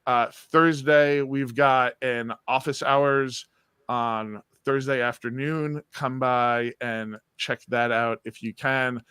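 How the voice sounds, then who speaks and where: A man's voice: medium pitch, steady tone, slow, sharp tone, clean tone, dry recording, studio quality. A man hosting an online accelerator session, upbeat and leaning on frequent filler sounds. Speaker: host. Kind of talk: livestream session host.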